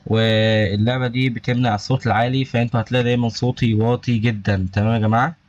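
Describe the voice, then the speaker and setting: A young man with an Egyptian Arabic accent, giving rapid, excitable let's-play commentary on a horror game with nervous exclamations. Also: medium pitch, highs cut off. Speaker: gaming YouTuber.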